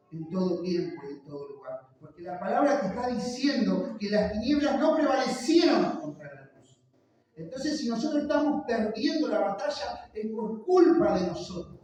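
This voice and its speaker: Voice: medium pitch, a little mellow. An impassioned preacher with a Rioplatense Spanish accent delivers a sermon, acting out the voices being quoted. The voice rings through a very reverberant church and is picked up from far off the mic. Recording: very echoey church hall, voice from far off.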